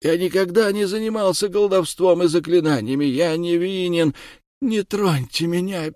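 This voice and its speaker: A male reader voicing a proud accused nobleman, shouting indignantly in a raised voice. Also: a little high, measured pace, no room sound, clean studio sound, voice pushed up, close to an everyday voice. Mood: furious.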